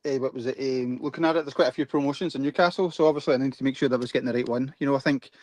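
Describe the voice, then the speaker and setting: A man in a casual chat, talking haltingly and repeating "eh, what was it". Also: medium pitch, fairly even intonation, darkish tone, dry recording. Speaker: guest co-host.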